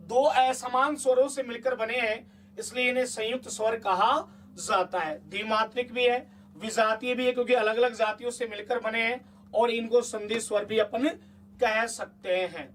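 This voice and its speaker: Male teacher with a high voice, chatty exam-prep lesson, keeps checking the class, mic a bit distant. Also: steady tone, measured pace, a bit bright, slight background noise. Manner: chatty, coaxing, asks the class repeated check questions.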